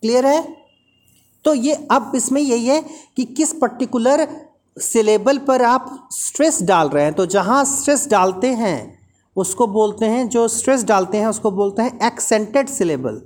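A woman's voice: fairly high pitch, lively intonation, a little slow, darkish tone. A woman teaching an English lesson, explaining patiently and repeating example words aloud.

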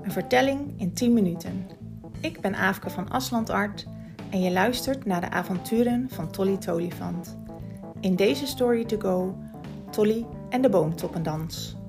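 A woman hosting a children's story podcast, narrating gently and expressively and sometimes dropping to a whisper. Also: mid-range voice, a little slow, gravelly, over music.

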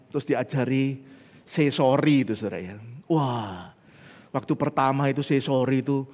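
Man preaching in a reverberant hall. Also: medium pitch. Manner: dramatic swings from loud to whispered; acts out prayers and quoted voices. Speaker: pastor. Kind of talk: sermon.

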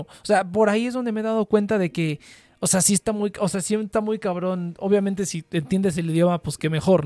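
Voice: mid-range voice, darkish tone, dry recording, clean studio sound. Rambling Mexican podcast co-host. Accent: Mexican Spanish. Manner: rambling, many fillers and swear words. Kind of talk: casual chat.

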